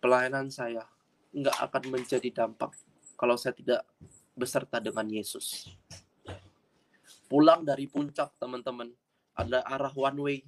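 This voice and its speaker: Guy preaching his testimony, mid-pitch voice, earnest, gets loud in bursts, repeats stuff. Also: steady tone, unhurried, pauses often. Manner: addresses audience as friends, repeats himself. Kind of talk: testimony sermon.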